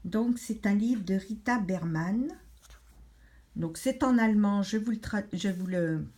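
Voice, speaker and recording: A middle-aged woman talks through a colouring book in a relaxed, meandering way. She speaks slowly and hesitantly, with plenty of pauses and fillers. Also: medium pitch. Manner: chatty, rambling, hesitant with many pauses. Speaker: craft vlogger. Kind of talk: casual chat showing a colouring book.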